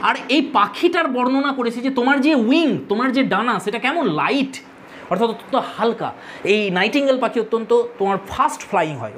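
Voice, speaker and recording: Woman teacher going thru a poem line by line, kinda high voice, bit of background hiss. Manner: explanatory, repeats key terms, addresses students directly. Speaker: English literature teacher. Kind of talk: line-by-line poem explanation lesson.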